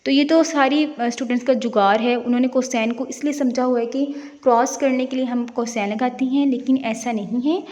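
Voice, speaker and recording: A woman's voice: a little high, steady tone, normal speed, a little mellow, long reverb tail. A young woman who hosts a channel, explaining a writing lesson step by step with examples. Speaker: teacher and channel host.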